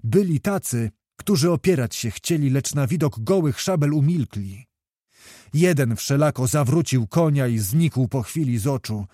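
A man reading a historical novel aloud as an audiobook narrator, in a measured storytelling manner. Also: medium pitch, expressive, warm tone, dry recording, studio quality.

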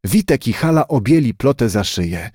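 A man narrating a children's story chapter as an audiobook, in an expressive, lively way. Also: mid-range voice, moderate pace, breathy edge, no room sound, studio quality.

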